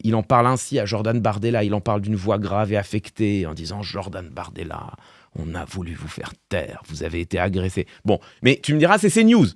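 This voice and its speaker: A man's voice: fairly low pitch, dry recording, clean studio sound. A man streamer giving casual live-stream commentary, thinking aloud with fillers and restarts. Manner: talks through thoughts with fillers and restarts, wry laughs.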